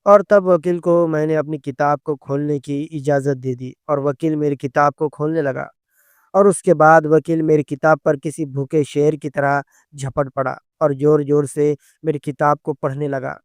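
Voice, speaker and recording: A man reading a first-person story aloud in a steady, even storytelling delivery. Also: on the high side, normal speed, clean tone, no room sound.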